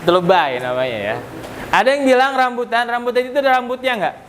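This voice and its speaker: A man's voice: very high-pitched, very animated, quick pace, a bit bright. A man teaching English vocabulary to a class, joking and quizzing the students. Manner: joking, asks the class questions. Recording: noisy classroom recording.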